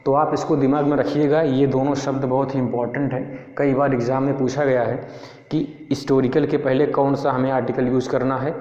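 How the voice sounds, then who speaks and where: A man's voice: medium pitch, flat delivery, warm tone. Man, grammar teacher, asks and answers his own questions, roomy echo, muffled sound. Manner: slow, repetitive explaining. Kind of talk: Hindi-medium English grammar lesson. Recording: echoey room, dull lo-fi sound.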